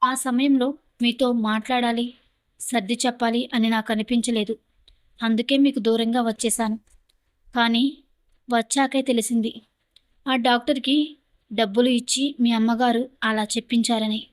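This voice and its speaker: A woman's voice: fairly high pitch, fairly even intonation, normal speed, long pauses, no room sound, lightly acted. A woman storyteller voicing a young woman prisoner, a wronged ex-wife who speaks through tears. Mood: sorrowful. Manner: cool then pleading, tearful.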